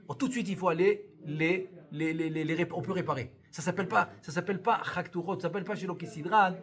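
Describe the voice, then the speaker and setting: A man teaching a live Torah lesson as a rabbi, animated, repeating key words and answering his own questions. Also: sits high, fast talker.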